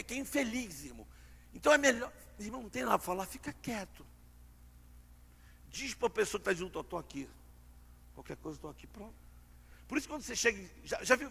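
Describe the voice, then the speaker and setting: A man's voice: high voice, creaky, sharp tone, breathy edge. A male preacher, giving a sermon in a church, telling stories and acting out the dialogue. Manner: storytelling, acts out dialogue, asks the crowd. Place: large church hall. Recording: long church hall reverb.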